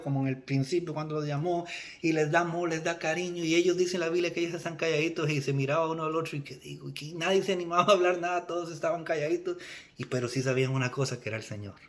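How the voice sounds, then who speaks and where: Animated bright-voiced male preacher. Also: on the high side. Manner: animated, acts out dialogue with rising and dropping voice. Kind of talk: sermon.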